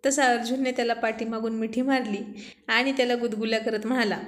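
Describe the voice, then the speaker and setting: A woman tells a romantic story in a scripted narration style. Her voice sits a little high. She speaks the characters' lines in her own voice, with lively dialogue. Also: quick pace.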